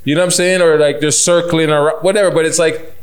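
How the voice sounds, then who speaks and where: A man's voice: fairly high pitch, fairly even intonation, quick pace. A man with an urban Toronto accent telling stories casually, in emphatic, repetitive slang. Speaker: podcast co-host. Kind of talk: casual animated storytelling.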